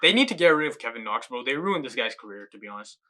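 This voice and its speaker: Man, podcast co-host, mid pitch, bright tone, laid-back chat that trails off. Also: very animated, fast. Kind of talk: casual sports podcast chat.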